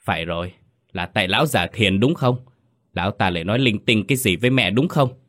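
A man voicing a frightened teenage girl who turns grieving and defiant in a ghost story reading, shrill and tearful. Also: lively intonation, fairly quick, a bit bright.

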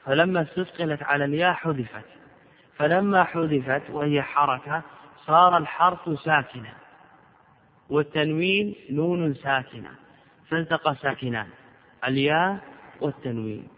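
A man teaching a grammar class as a sheikh, speaking deliberately and asking questions that he then answers himself. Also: fairly high pitch. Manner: deliberate, poses and answers his own questions. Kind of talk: classroom lecture. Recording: lo-fi recording with long hall reverb.

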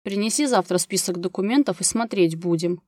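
A gruff, practical grown man from an audiobook, voiced by the woman reading it, talking in short, bossy, businesslike bursts. His tone is blunt and no-nonsense. It sounds close and dry, with no room sound. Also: mid-range voice, brisk, darkish tone, no room sound, natural voice.

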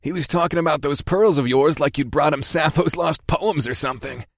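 A man's voice: fairly high pitch, brisk, vocal fry, no echo, clean studio sound, pitched above the performer's own voice. A man voicing a sly, teasing male friend who talks lazily and with a smirk.

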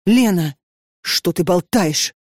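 A woman's voice: lowish voice, lively intonation, takes it slowly, darkish tone, no echo, studio quality. A woman reading an audiobook and voicing a sleepy, puzzled young female student who answers hesitantly. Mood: reluctant. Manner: hesitant, bewildered.

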